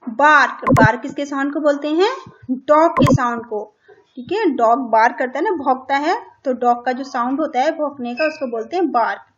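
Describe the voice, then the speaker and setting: High-voiced woman teacher spelling words. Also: normal speed, highs cut off, noisy background. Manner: repeats and spells words letter by letter, keeps asking questions. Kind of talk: online class lesson in Hindi and English.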